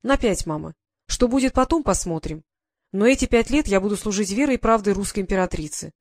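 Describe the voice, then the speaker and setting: Woman voicing a calm young guardsman son. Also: medium pitch, a little fast. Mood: reassuring. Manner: steady, reassuring.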